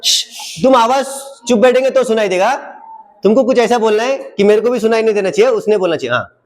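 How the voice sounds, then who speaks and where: A man's voice: high-pitched, animated, quick pace. A man teaching a class of children in a classroom, coaxing and asking them the same question again and again. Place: classroom with a projector.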